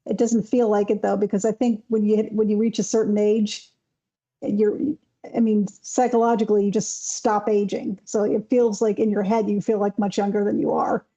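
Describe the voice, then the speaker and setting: A woman's voice: mid-range voice, flat delivery, normal speed, dark tone. A woman in her thirties co-hosting a livestream, chatting in a wry, reflective way. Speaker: co-host of a livestream. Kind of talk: casual chat.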